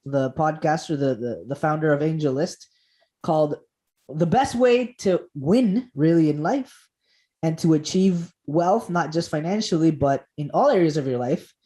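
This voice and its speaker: A man from Costa Rica, a comedian and speaker, appears as a podcast guest and tells animated stories with enthusiasm. His voice is a little high with a dark tone, and he cracks jokes, laughs easily, and often restarts his words.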